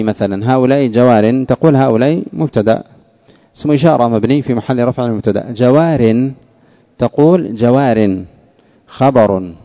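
A man teaching a grammar lesson, speaking slowly and deliberately, repeating key points and asking his listeners rhetorical questions. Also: medium pitch, highs cut off.

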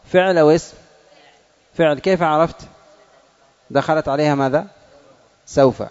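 A man's voice: a little high, a little mellow, long reverb tail, highs cut off. A male teacher giving a classroom grammar lesson, quizzing pupils and repeating their answers.

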